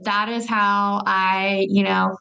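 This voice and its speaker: A woman's voice: medium pitch, flat delivery, creaky, pushed and bright, dull audio. Chatty young woman from Alabama. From Huntsville, Alabama. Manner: chatty storyteller, quick asides, many fillers. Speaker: guest. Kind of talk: casual interview chat.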